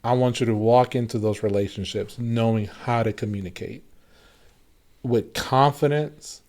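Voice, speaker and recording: A man's voice: mid-range voice, steady tone, normal speed, a little mellow. A man in his thirties co-hosting a casual faith podcast, talking earnestly and reflectively with lots of fillers and restarts. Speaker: podcast co-host.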